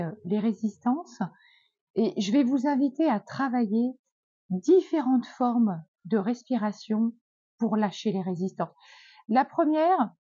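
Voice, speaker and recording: A woman giving a gentle, encouraging self-help talk as a wellness coach, with many hesitant fillers. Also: mid-range voice, no room sound, muffled recording.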